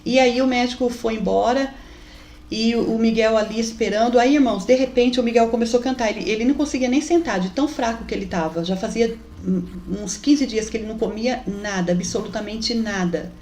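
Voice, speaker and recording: A woman's voice: on the high side, a little fast, a little mellow, slight background noise. A woman giving an emotional faith testimony as a mother, fervently addressing listeners as brothers. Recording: roomy echoey recording.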